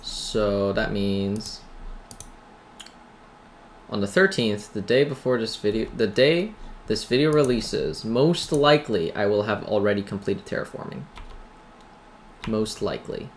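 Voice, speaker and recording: A man with a fairly low voice hosts a gaming video, talking in a lively but slightly slow way with frequent pauses. His commentary is casual and rambling, peppered with tongue-in-cheek jokes at his own expense. The noisy home mic picks up keyboard clatter, typing and other background noise.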